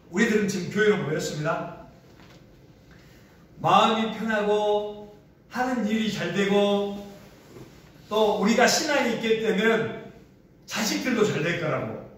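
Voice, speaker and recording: High-voiced pastor in an echoing hall. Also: male voice, a little slow, long pauses, a bit bright. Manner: asks the congregation questions and acts out quoted lines. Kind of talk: sermon. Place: large echoey hall used for a church service. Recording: very echoey room, voice from far off the mic.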